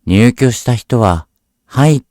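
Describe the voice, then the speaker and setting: A man reading a scripted horror story aloud as a narrator, in a measured, deliberate storytelling delivery. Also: medium pitch, animated, a little mellow, no echo, studio quality.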